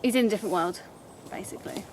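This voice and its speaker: A woman's voice: medium pitch, racing, noisy background. A British woman behind the camera explains how she plans to film a shot, in a matter-of-fact manner. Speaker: camera operator. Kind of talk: casual explanation of shots. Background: faint background music.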